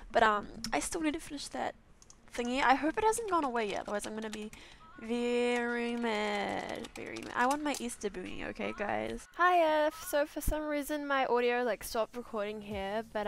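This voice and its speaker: High, giggly young New woman gamer. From New Zealand. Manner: chatty, giggly, excitable. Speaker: gaming channel host. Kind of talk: casual let's-play commentary.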